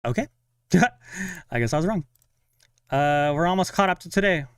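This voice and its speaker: Young man, casual live-stream chat, animated pitch, dry close sound. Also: clear, resonant tone, dry recording. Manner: chatty, self-talking, sighs of frustration and quick laughs. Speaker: fan streamer watching a live game.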